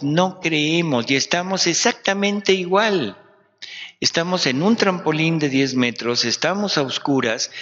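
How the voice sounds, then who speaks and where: Retreat preacher, unhurried, joking, bright voice; muffled hall recording. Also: male voice, a little high. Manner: conversational, joking, quizzes the audience. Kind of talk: sermon. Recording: dull recording in a reverberant hall.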